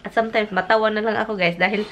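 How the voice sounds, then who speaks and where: Speaking very fast at a medium pitch with fairly even intonation, a woman from the Philippines chats and laughs a lot while phone-vlogging in a car, blending Tagalog and English in a chatty, exclamatory way. The highs are cut off and background noise is heavy.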